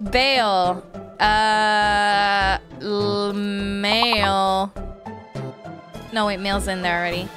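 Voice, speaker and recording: A young woman streaming live, chatting casually with viewers, playful and quick to swear and laugh. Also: mid-range voice, steady tone. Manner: playful, swears and laughs often, reads chat aloud. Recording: music playing behind voice.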